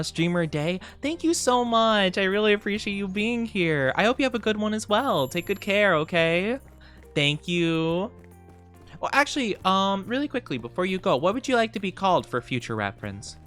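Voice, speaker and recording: A man's voice: sits high, sing-song, moderate pace, fairly bright tone, clean tone, soft background music. A man hosting a livestream as a VTuber, chatting casually while he plays a game, with effusive, gushing greetings and a cutesy, cooing way of talking. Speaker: VTuber streamer host.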